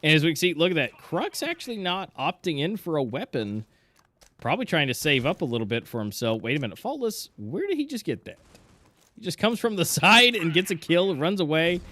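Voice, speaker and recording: A man's voice: on the high side, sing-song, fairly quick, pushed and bright. A man commentating an esports match live, casual and exclamatory, mixing reactions with conversational analysis. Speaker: esports caster.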